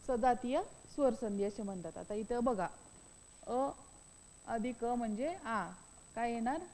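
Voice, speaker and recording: A woman's voice: on the high side, a little slow, warm tone, in a large hall, poor audio. Woman teaching with repeated questions. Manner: repetitive, asks and answers own questions. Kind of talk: grammar lesson.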